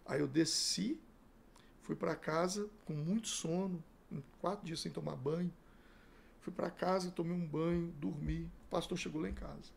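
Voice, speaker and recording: Middle-aged man from Brazil, pastor in an interview; raised pitch, gravelly fry, acts out every exchange. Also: moderate pace, slight background noise. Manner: animated storyteller acting out dialogue. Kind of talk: telling his life story in a podcast interview.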